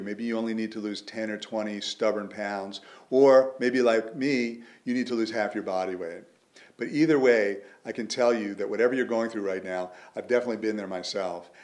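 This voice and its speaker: Earnest man giving a sales pitch. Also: a little mellow. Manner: earnest, persuasive. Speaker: author promoting his method. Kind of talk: scripted promotional pitch.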